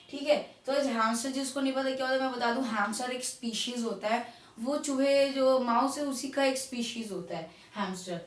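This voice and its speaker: Echoey, higher-voiced woman teaching German. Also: far from the mic. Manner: repeats words slowly, checks in with "ठीक है" and "guys". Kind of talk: casual classroom explanation. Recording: roomy echo, voice off-mic.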